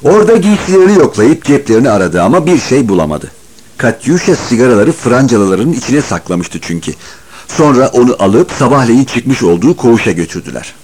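Male audiobook narrator, husky tone, lively rising and falling delivery, expressive scripted reading. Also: medium pitch, brisk. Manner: expressive storytelling, varied intonation.

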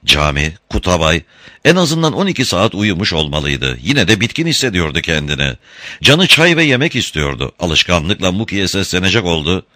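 A man narrating a novel in an expressive storytelling manner. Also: low-pitched, normal speed, no echo, clean studio sound. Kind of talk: audiobook narration.

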